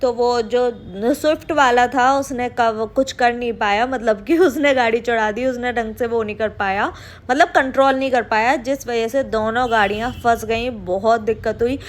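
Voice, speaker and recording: A woman narrating a travel vlog voice-over, talking quickly in long run-on breaths with a lively, emotional storytelling manner. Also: a little high. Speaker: travel vlogger.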